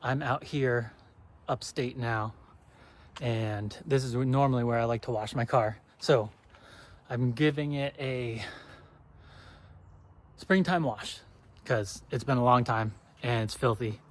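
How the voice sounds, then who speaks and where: A man vlogging outdoors as he washes his car, talking in a relaxed, rambling way with plenty of fillers. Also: mid-range voice, slow, pauses often. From northeastern United States. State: slightly out of breath. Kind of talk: casual talk while washing a car.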